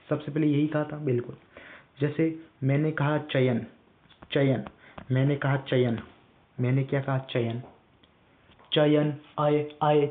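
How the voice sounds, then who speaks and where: A man teaching an online class, working through each word slowly and making students repeat it back. His voice sounds strained and weak. The sound is thin and tinny, as if it came down a phone line. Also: on the high side. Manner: repetitive call-and-response drilling, addresses students directly.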